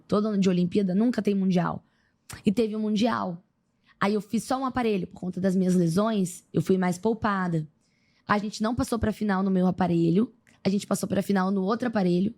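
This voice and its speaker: On a podcast, a young Brazilian athlete gives an energetic account of her story in an informal interview, voicing what others told her. Her pitch is medium and her pace fairly quick.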